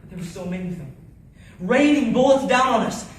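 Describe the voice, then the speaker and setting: In a dramatic first-person stage-style monologue, a man plays a haunted Navy SEAL survivor recounting a deadly battle, his voice high for a man, intense, animated, and a little fast. The mood is urgent and anguished as he swings theatrically from hushed grief to shouting. He sounds distant, in a heavily echoing space with faint noise.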